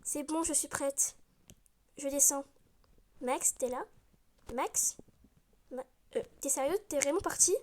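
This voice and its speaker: A woman's voice: high-pitched, slow pace, long pauses, darkish tone. A woman voicing a touchy, teasing teenage girl who sounds indignant in a storybook read-aloud.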